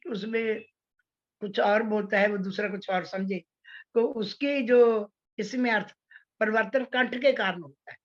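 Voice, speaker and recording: Slow-speaking woman teaching Hindi poetics. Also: mid-range voice, dull audio. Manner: slow, explanatory, with many fillers and restarts. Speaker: poetry teacher. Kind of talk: online class on Hindi poetics.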